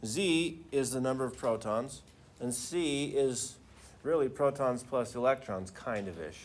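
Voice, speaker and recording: A man's voice: mid-range voice, unhurried, a little hiss or hum. A man teaching a class in the manner of a professor lecturing, informal and often checking in with students through questions.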